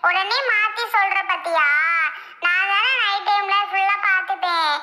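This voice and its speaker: A mischievous, teasing young woman in a homemade cartoon, voiced by a woman. Her sing-song voice is very high and bright. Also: fairly even intonation, moderate pace, full character voice. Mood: defiant. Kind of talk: cartoon voice acting.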